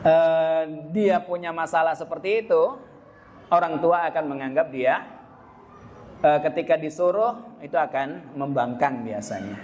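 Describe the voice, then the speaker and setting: A man's voice: on the high side, measured pace, a little mellow, muffled recording, a little hiss or hum. A man giving a chatty seminar talk to parents, addressing them directly. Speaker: speaker at a school parenting seminar.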